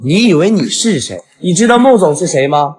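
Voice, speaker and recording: A man's voice: a little high, expressive, fairly quick, lightly acted. An actor playing a fawning, bullying male supervisor in a short web drama.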